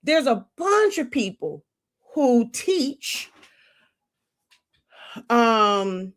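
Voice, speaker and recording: This business mentor, a woman, delivers a live, unscripted teaching monologue on a livestream. Her voice is on the high side with big pitch swings and a very slow pace, and her blunt lecturing is often interrupted as she searches for words.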